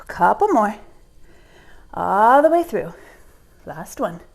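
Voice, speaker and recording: A woman's voice: medium pitch, sing-song, slow pace, vocal fry, darkish tone. A young woman leading a home workout, giving encouraging cues while exercising along, getting out of breath at times. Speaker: fitness instructor.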